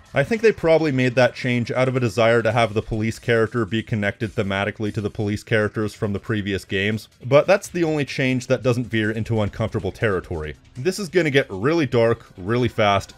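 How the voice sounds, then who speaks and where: A man with a mid-range voice hosts a video essay about games. His scripted commentary is casual, wry, and conversational.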